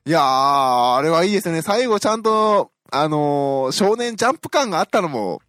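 A man's voice: fairly high pitch, very animated, normal speed, a bit bright, dry recording, studio quality. A man hosting a podcast, giving a casual, chatty film review with frequent fillers and self-deprecating fan humor. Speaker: podcast host.

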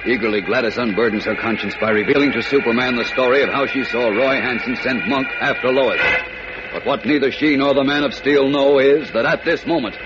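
An old-time radio announcer, a man with a mid-pitched voice, narrates a serial with theatrical urgency and suspense. The broadcast is band-limited and scratchy, with music playing behind him. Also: lo-fi sound.

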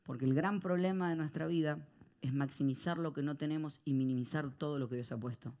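A male pastor, preaching a sermon to a live congregation and swinging between hushed reflection and loud, animated storytelling. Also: fairly high pitch, brisk.

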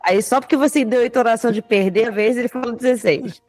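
Relaxed female contestant, slightly high pitch, dry close recording, quick casual banter. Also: no echo, faint music behind. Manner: quick, casual, swears lightly, laughs often. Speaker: quiz contestant. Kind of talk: casual podcast game chat.

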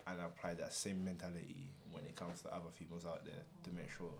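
A young man with a deep voice and a London roadman accent talks casually as a podcast host. He mixes street slang with mock-formal phrasing, and there is slight noise behind him. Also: flat delivery, fast talker, creaky. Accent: London, multicultural urban roadman slang. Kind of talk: casual chat.

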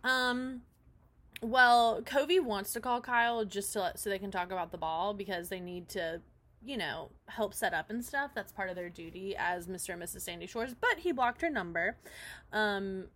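A woman's voice: medium pitch, moderate pace, fairly bright tone. A woman co-hosting a podcast, telling an improvised story in an upbeat, chatty way full of fillers. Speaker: podcast co-host. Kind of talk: casual improvised storytelling chat.

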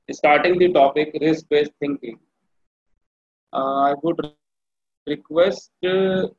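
A man with a North Indian accent, giving an informal online training presentation in a halting, polite way. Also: a little high. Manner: halting, polite, addressing participants. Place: online meeting. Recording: muffled, echoey online call audio.

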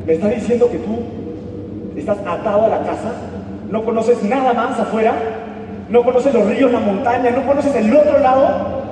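A man's voice: sits high, expressive, moderate pace, dark tone, slight background noise. A man voicing a hungry, tired male wolf who loves his freedom and keeps asking earnest questions. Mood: defiant. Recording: echoey hall from far off.

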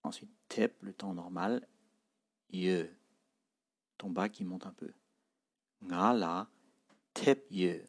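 Slow husky guy teaching tones, says each word then repeats it, low voice. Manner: models words and tones in isolation, then repeats them; explains pronunciation patiently. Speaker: Tibetan language teacher. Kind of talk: slow spoken language lesson.

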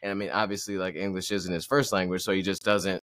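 A man's voice: low-pitched, level tone, fast talker, a bit bright, no room sound, studio quality. A man hosting a running podcast in casual chat, rambling with lots of fillers and restarts. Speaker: podcast host.

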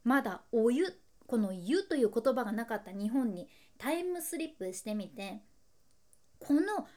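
Woman, high-pitched, casual solo podcast host, chatty, playful, laughs often, talks to the listener. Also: expressive, normal speed, a little mellow. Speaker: podcast host, freelance announcer.

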